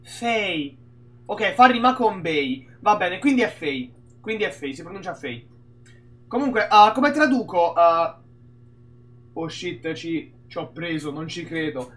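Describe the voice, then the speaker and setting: Italian streamer, very animated pitch, rambling banter, frequent swearing. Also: male voice, measured pace, slight background noise. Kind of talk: casual gameplay commentary.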